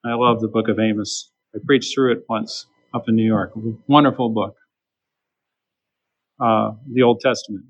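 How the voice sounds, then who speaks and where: A man's voice: mid-range voice, a bit bright, breathy edge, rough recording. A man preaching a sermon, emphatic and acting out the voices of the people he quotes. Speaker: pastor.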